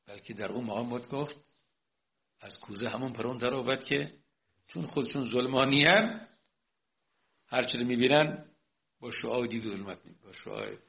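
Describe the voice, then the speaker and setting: Male cleric lecturing, gravelly, soft asides then loud emphatic preaching, dull lo-fi recording. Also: medium pitch, pauses often. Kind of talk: religious lecture.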